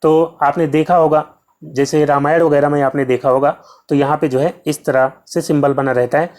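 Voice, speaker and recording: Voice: medium pitch, flat delivery, normal speed, a little mellow. A Hindi teacher talks through an exam-prep lesson in a mid-range voice. The teacher drills each point by asking a question and then answering it. Nearly every sentence carries the filler "जो है". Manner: heavy use of filler "जो है".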